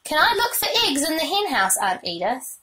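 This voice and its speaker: A woman's voice: high voice, very animated, normal speed, noisy background, pitched above the performer's own voice. A woman reading aloud, voicing a bossy young farm girl who calls out orders and complaints. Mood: excited. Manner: commanding, exclaiming.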